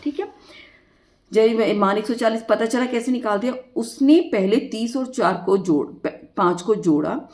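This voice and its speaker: A woman's voice: on the high side, measured pace, a little mellow. A woman math teacher, explaining a lesson step by step and asking her students questions.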